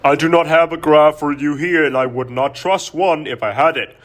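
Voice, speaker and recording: A man's voice: fairly high pitch, normal speed, fairly bright tone, faint music behind. A man in scripted narration, speaking in a reflective, confessional way.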